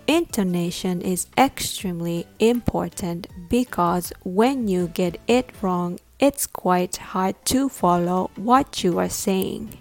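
A woman coaching English pronunciation in a scripted podcast lesson, explaining clearly and reading example sentences slowly. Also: on the low side, darkish tone. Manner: reads English example sentences slowly and deliberately, twice for comparison.

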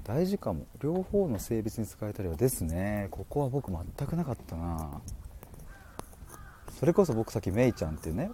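A man hosting a casual livestream, reading out listener comments and chatting in an animated way with frequent laughs. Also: slight background noise. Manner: chatty and animated, laughing often, with quick pitch jumps. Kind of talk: casual solo livestream chat.

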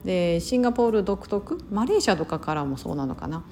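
A woman's voice: fairly low pitch, animated, quick pace, dark tone, soft background music. A woman from Osaka chatting casually on her podcast, full of fillers and self-corrections. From Osaka, Japan. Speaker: podcast host. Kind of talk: casual solo talk.

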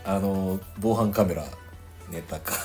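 A young man chatting casually as a guest, easygoing and quick to laugh. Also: deep voice, dark tone, faint music behind. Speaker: guest co-host. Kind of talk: casual chat.

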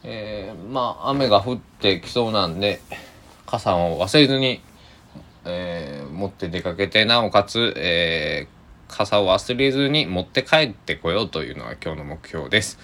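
A man's voice: sits low, lively intonation, measured pace, pushed and bright. A man hosting a solo podcast, talking in a rambling, hesitant, chatty way with a trace of Tosa dialect. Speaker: podcast host.

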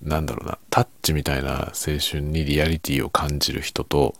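A man chatting casually and quietly by himself late at night, musing and giving his opinions in a low-key way with softened sentence endings. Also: level tone, fairly quick, creaky, dry recording. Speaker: writer chatting as host.

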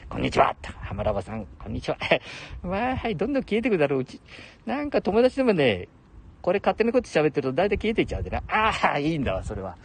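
A man in his seventies with a Nagoya-area Japanese dialect hosts a solo livestream, rambling, chuckling often, and talking to himself. His voice is high-pitched and he talks fast, with huge swings in pitch.

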